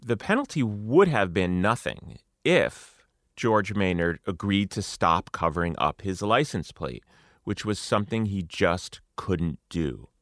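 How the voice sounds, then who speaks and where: A male podcast host telling a story in measured, scripted narration. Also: sits low, sing-song, fairly bright tone, no echo.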